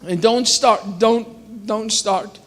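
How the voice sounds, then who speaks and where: A Scottish man speaking from a church pulpit with a noticeably high voice. He talks as a missionary guest, lively and joking, often breaking into exclamations. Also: extremely slow. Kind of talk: church talk with humor. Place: church sanctuary.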